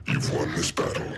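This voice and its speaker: An actor voicing a huge gorilla warlord in a video game, scornful of humans and slowly menacing. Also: male voice, very noisy, natural voice. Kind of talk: video game cinematic acting.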